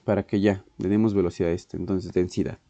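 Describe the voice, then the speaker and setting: A man teaching a physics class, often clearing his throat, correcting himself and checking in with "ok". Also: low-pitched, fairly even intonation, fast, mellow, no echo, highs cut off. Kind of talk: online exam-prep physics lesson.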